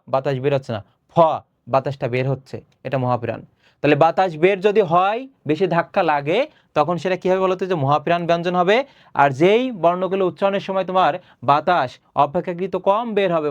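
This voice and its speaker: A young male teacher gives a recorded online lesson in a slightly high voice. He explains step by step, poses questions and answers them himself, and clears his throat often. The sound is dry and close to the mic. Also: dry recording. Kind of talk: recorded online class lecture.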